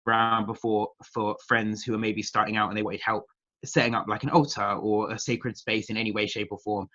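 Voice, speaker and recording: Speaking fairly low but with a bright, forceful tone, the same interview guest comes through a muffled recording. He is a man in his thirties from near London who practises witchcraft, and his southern English accent accompanies casual, rambling, hesitant talk.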